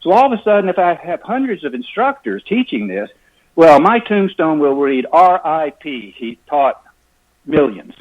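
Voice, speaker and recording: Energetic man in his sixties, clipped phone line. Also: fairly high pitch, normal speed. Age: 60s. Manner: energetic, enthusiastic. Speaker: golf instructor, guest. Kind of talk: phone interview, animated storytelling. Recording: dull, clipped phone connection.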